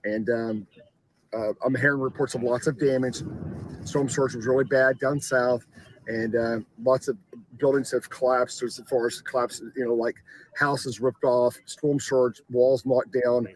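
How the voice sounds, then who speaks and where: A man gives a live, unscripted storm chaser's report. His pitch barely moves, and he speaks haltingly, doubling back on words. Faint ambient noise sits behind him. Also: level tone, poor audio. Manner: halting, repetitive delivery.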